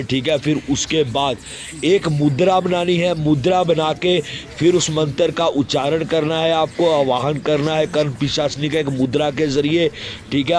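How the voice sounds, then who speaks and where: A man explaining a ritual step by step, directive, and constantly filling pauses with a repeated "okay". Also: on the high side, slight background noise. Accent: Hindi. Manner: fills pauses with repeated "theek hai". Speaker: occult ritual instructor. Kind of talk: spoken ritual instructions.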